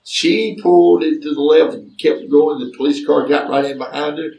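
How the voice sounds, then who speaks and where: A man's voice: on the high side, steady tone, normal speed, creaky, a little mellow. A man from Alabama with a Southern accent telling a folksy family story with drawling asides. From Chambers County, Alabama, US. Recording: roomy, distant from mic.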